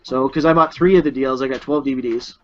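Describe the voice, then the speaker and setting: A man's voice: medium pitch, fairly even intonation, fast talker, a little mellow, slight background noise. A man co-hosting a casual podcast from a room at home, laid-back and laughing often. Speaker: podcast co-host. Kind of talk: casual chat. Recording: dull lo-fi home recording.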